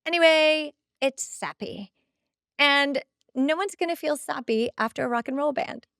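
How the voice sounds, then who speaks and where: A podcast host with a high-sitting, creaky voice gives an unhurried, casual recap of a TV episode, recorded dry at studio quality. She's expressive, emphatic and chatty, acting out the quoted dialogue.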